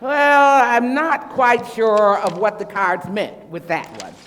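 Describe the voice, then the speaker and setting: Man doing a slow, deadpan fortune teller, high and sing-song, in a reverberant hall. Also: a little hiss or hum, heavily acted. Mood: mysterious. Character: theatrical male fortune teller who reads cards.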